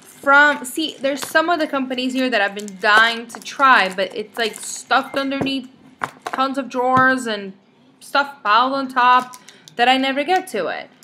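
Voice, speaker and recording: A young woman vlogger with a high, pushed, bright voice chats casually with viewers at a measured pace while showing wax melts, with slight background noise. In this chatty haul vlog she rambles in a bubbly way and reads the product names out one at a time.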